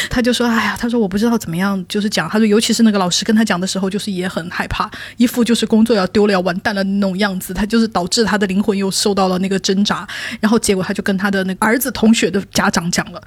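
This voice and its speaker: A woman telling stories in a casual chat, animated, often laughing and building to mock outrage. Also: mid-range voice, breathy edge, dry recording.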